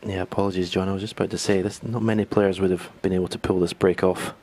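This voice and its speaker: A man working as an expert snooker commentator, speaking in a hushed, restrained way. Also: sits low, level tone, quick pace. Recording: faint hall noise. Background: faint noise, ball clicks.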